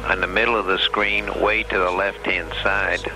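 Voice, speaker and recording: A deep-voiced man talks over a space mission radio link. He speaks in a polite, procedural way. Music plays clearly beneath his voice. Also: level tone, moderate pace, rough recording. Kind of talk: formal radio talk.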